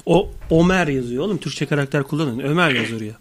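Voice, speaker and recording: A young man co-hosting a web radio show, bantering crudely and teasing callers in rapid jokes. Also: fairly high pitch, expressive. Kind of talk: casual crude comic banter.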